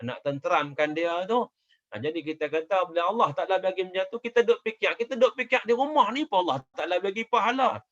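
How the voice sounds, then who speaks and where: Guy preaching, fairly high voice, repeats himself for emphasis, muffled lo-fi stream. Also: a little fast, a bit bright. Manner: emphatic, repeats phrases, chants Arabic quotations. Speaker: religious teacher. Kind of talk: sermon.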